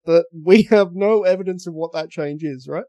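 A man's voice: high-pitched, normal speed, warm tone, no echo, muffled recording. An Australian man, a podcast contributor, giving blunt, rambling football analysis in casual chat, often repeating words.

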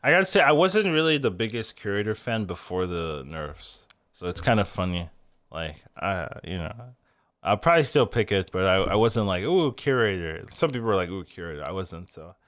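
An excitable man rambles through a casual gaming podcast chat, his pitch leaping up and down as he gets worked up. His voice sounds dry and close, with laughs breaking in. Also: a little fast, no room sound. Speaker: co-host discussing game patch.

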